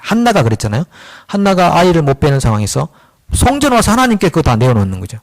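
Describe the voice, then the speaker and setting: A male pastor delivers a Wednesday sermon with a lively, swooping voice that sits a little high for a man. He is conversational and animated, acting out the voices of the figures he talks about and chuckling at himself now and then. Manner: animated, acts out dialogue with God and Moses.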